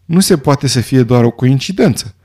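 A man voicing a tense, frightened young woman, his voice raised high and shrill. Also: lively intonation, mellow, slightly rough.

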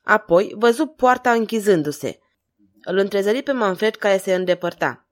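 Audiobook narrator, woman, measured dramatic delivery, volunteer reader. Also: mid-range voice.

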